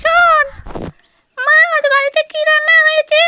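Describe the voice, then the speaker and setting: A woman's voice: level tone, moderate pace, pushed and bright, slight background noise, heavily acted. Woman doing a whiny little boy. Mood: pleading. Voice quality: high childish pleading voice. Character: whiny little boy, small younger brother.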